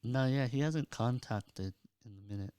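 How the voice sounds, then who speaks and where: Young male co-host, relaxed and chatty, mid pitch, dry close mic. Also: moderate pace, smooth, dry recording. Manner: easygoing, chatty, laughs often. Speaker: podcast co-host. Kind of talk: casual chat.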